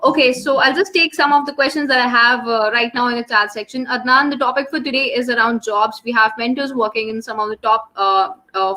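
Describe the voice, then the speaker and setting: A woman's voice: on the high side, pushed and bright, low-quality recording. A young woman with an Indian English accent, hosting and presenting a live online webinar for students. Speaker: webinar host. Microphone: online call microphone.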